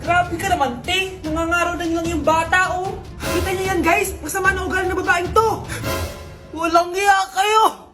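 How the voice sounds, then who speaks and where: A woman acting out several roles in comedy skits, with an exaggerated, bickering delivery and sudden shouts. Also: very high voice, fairly even intonation, fairly quick, loud music behind the voice. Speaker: comedy skit performer playing several parts.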